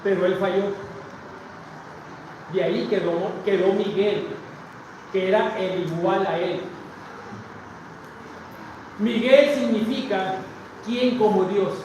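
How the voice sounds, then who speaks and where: Mexican pastor preaching in an echoing church. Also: male voice, high voice, slow, long pauses. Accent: Mexican Spanish. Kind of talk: sermon. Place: large church sanctuary with a balcony. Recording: very echoey church from far off, noisy.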